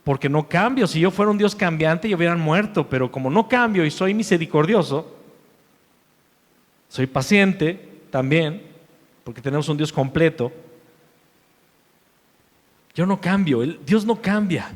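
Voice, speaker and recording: A man preaching a sermon as pastor, emphatic, repeating key phrases and swinging between loud declarations and hushed asides. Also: fairly high pitch, lively intonation, unhurried, pauses often. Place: church sanctuary. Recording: long hall reverb.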